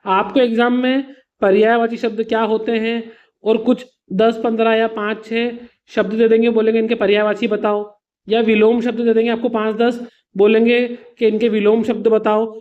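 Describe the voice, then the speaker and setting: A man's voice: very high voice, fairly even intonation, moderate pace, phone-quality sound. A man teaching an exam revision lesson to students. He explains patiently with simple examples, calls his students "beta" and slips English words into his explanations.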